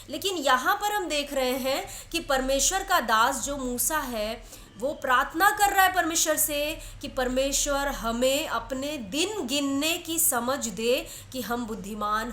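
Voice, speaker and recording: A woman's voice: high-pitched, pushed and bright, reverberant, slight background noise. A woman preaching a sermon in earnest, exhorting tones, often breaking in with hallelujahs.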